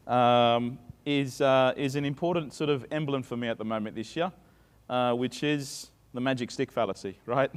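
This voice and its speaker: On a conference stage, a Sydney-born middle-aged man with a clean, mid-range voice and Australian accent gives a casual, chatty talk. Fillers and restarts run through it, and the hall adds reverb.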